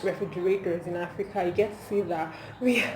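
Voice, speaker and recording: A Nigerian-accented woman with a fairly low voice talks a little fast, filming a comedic vlog on her phone in an amused, animated way full of emphasis and rhetorical questions. The recording is echoey, with clear background noise.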